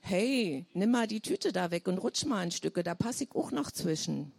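A woman's voice: fairly low pitch, animated, moderate pace, vocal fry, darkish tone, breathy edge, dry recording, full character voice. Pushy Berlin guy on a train, as a woman reads him. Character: brash Berlin man on a crowded train.

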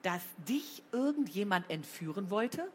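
A woman reading a storybook, voicing a calm, sensible schoolgirl who speaks in a slow, measured way. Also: mid-range voice, slight background noise.

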